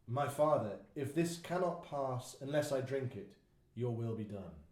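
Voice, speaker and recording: Solemn Jesus read by a man: measured, dark-toned, echoey. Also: medium pitch, lively intonation, close to an everyday voice. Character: Jesus, solemn grown male teacher. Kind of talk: dramatised Bible reading. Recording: echoey room.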